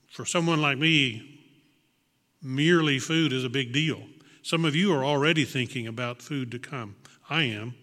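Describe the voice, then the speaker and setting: A man with a pushed, bright, mid-range voice preaches a sermon to a congregation, earnest and reflective. He makes small restarts and repeats words for emphasis, and the recording carries a long hall reverb.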